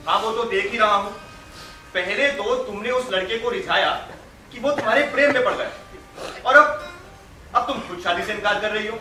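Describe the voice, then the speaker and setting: A young man playing a quick-witted wanderer who narrates in a measured, reflective way. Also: high voice, bright, forceful tone. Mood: pleading. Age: young adult. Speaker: student stage actor. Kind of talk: stage play narration and acting. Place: large hall stage. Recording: echoey hall from far, music.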